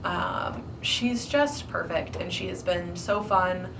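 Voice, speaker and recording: A woman's voice: lowish voice, slow pace, recorded from a distance, background noise. A young woman vlogger, congested after flu, chatting casually about her hobby with many ums and likes. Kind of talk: casual chat to camera.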